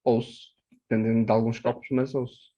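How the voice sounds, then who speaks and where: A man from Portugal, hosting a casual interview and asking relaxed questions. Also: medium pitch, brisk, muffled recording. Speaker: podcast host.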